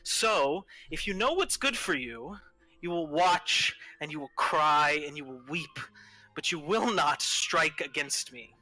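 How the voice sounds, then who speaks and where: A man voicing an imperious male villain who speaks slowly with contempt and anger, with faint music playing behind. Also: on the high side, expressive, sharp tone, dry recording, exaggerated voice, low-quality recording. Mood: menacing. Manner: slow, commanding, contemptuous speech. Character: imperious floating male villain, scornful and wrathful.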